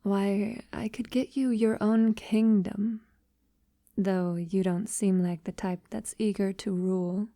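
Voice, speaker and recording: Here a woman performs a tender vampire of great age, murmuring to her lover in an audio roleplay with an affectionate, reassuring mood. Her voice is medium in pitch, steady, dark, and soft, close to an everyday voice, yet very slow, with hesitant pauses and breathy near-whispers. The sound is dry and intimately close.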